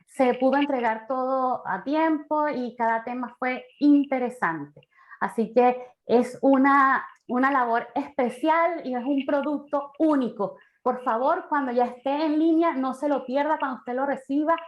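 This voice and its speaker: A woman's voice: high-pitched, lo-fi sound. A woman speaking earnestly and effusively as a panelist in an online talk.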